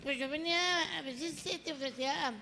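A man with a Mexican accent voicing a scheming middle-aged housewife in a soft, wheedling voice. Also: very high-pitched, moderate pace, vocal fry, pitched above the performer's own voice, exaggerated voice. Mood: coaxing. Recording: echoey hall, faint background noise.

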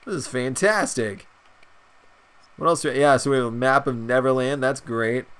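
Browsing a video game's shop menus, this young man hosts his gaming channel with casual commentary, excited and rambling and leaning on many fillers. His nose sounds stuffed up, and he speaks in a mid-range voice at a moderate pace.

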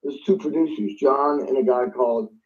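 A man's voice: medium pitch, normal speed, a little mellow, lo-fi sound. A man, a guest drummer, telling a story in an interview and acting out phone calls in different voices.

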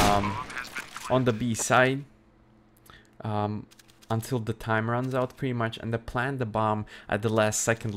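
A man casting a live shooter match, amused and often laughing in disbelief at the plays. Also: lowish voice. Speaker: esports caster. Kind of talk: live game commentary. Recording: game gunfire noise behind voice. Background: game gunshots and clicks.

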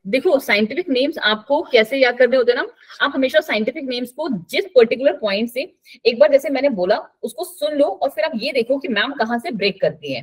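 A woman's voice: high-pitched, breathy edge. A woman teaching a live online biology class, chatty and coaxing, mixing English terms into her talk.

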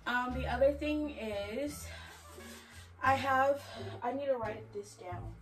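A woman's voice: high-pitched, slow, over music. Chatty young woman vlogging, a little far off. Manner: chatty, filler-heavy, talking while tidying. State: out of breath. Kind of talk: casual vlog talk.

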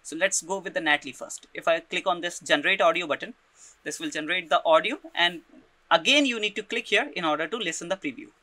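A man talks through a software tutorial one step at a time, stopping often to check in and repeating words as he goes. His voice sits a little high and cuts through sharply. The recording is dry and close, with no room sound. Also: fast, no room sound. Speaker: tutorial presenter.

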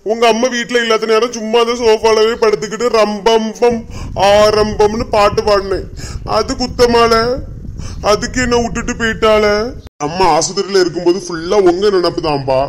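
A woman's voice: medium pitch, fairly even intonation, normal speed, slight background noise, close to an everyday voice. A woman playing a grown son who pleads with and nags his weeping father, in a Kanyakumari accent. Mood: pleading. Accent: Kanyakumari Tamil. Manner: pleading, nagging. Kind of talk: comic sketch acting.

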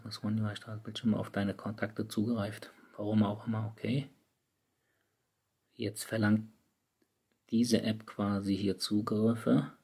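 A man's voice: lowish voice, gravelly, dark tone, husky. A man talking viewers through phone settings in a casual, chatty tutorial, speaking straight to his audience. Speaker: tech YouTuber. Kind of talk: screen-recorded app tutorial. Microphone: studio microphone.

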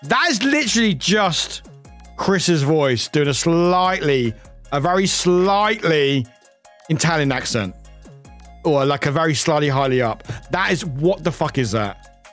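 Excitable streamer, rambling and animated. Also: male voice, fairly high pitch, unhurried, soft background music. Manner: excitable, rambling, swears freely; self-interrupting, scattered. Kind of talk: live reaction commentary.

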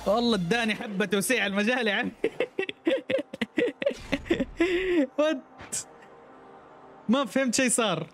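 A man's voice: high-pitched, quick pace, long pauses, a bit bright, faint music behind. A man streaming a game, chatting and reacting aloud and greeting viewers by name. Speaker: gaming streamer. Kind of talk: casual gameplay commentary.

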